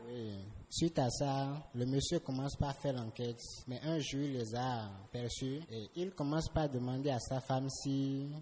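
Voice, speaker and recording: A man in a church seminar audience haltingly telling a case and asking a question. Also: mid-range voice, warm tone, slight background noise. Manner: hesitant, many fillers and restarts.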